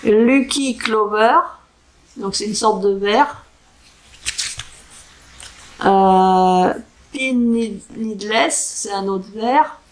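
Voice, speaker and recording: A woman doing a casual crafting vlog, talking in a hesitant, chatty way and sounding out foreign words slowly. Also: medium pitch, darkish tone, slight background noise, rough recording. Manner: chatty with frequent fillers and self-corrections. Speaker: crafting vlogger. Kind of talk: casual show-and-tell craft chat.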